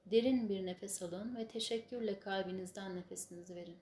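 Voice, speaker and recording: A woman leading a spiritual healing session as guided meditation and prayer, giving instructions and blessings in measured, solemn phrases. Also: medium pitch, darkish tone. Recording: echoey room, faint background noise.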